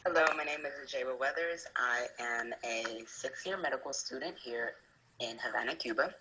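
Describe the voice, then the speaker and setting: With a very deep voice at normal speed, a young adult woman from New Jersey, USA, who is a medical student intern, explains a hospital's procedures methodically and with frequent fillers. It's a prepared talk based on her experience. The background is noisy.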